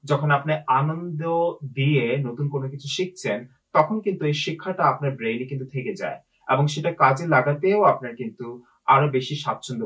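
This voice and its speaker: A man of average pitch gives a home-video lesson in a loose, conversational way, often pausing on "ah" and slipping English terms into his sentences. He sits a little back from the microphone, so his voice sounds slightly distant. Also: a bit bright. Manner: conversational, many "ah" fillers and English words mixed in. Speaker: physical therapist giving tips. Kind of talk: casual explanatory video talk.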